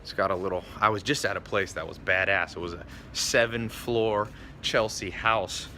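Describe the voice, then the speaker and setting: A man's voice: low-pitched, steady tone, normal speed, pushed and bright, a little hiss or hum. A man hosting a casual vlog, joking and quizzing friends on a night out. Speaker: vlog host.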